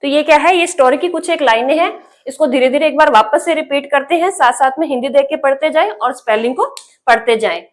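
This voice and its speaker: A woman's voice: high voice, quick pace. A woman teacher, spelling English words letter by letter and reading them out for learners. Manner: spells letter by letter, then says the word, asks the viewer.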